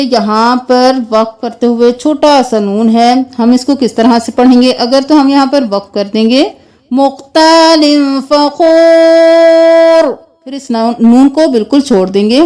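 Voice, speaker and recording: A woman with a high, light voice gives a Quran recitation lesson. She switches between quick explanations and long, melodic chanting of each verse. Between the chanting she sounds words out one syllable at a time. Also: dark tone.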